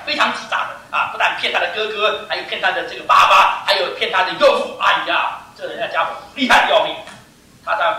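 An older male pastor preaches with a bright, cutting edge and a high, swooping pitch that climbs and dives through each phrase. He drives his points home with emphatic bursts. The sound carries the long echo of a large hall, picked up from well back. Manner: animated, emphatic preaching, often says "I tell you". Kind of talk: sermon. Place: church. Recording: echoey hall, mic far off.

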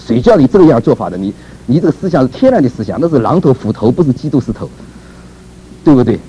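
A man's voice: medium pitch, sing-song, quick pace, dark tone, dull audio, slight background noise. A man preaching a sermon in a conversational way, asking rhetorical questions, chuckling and repeating words.

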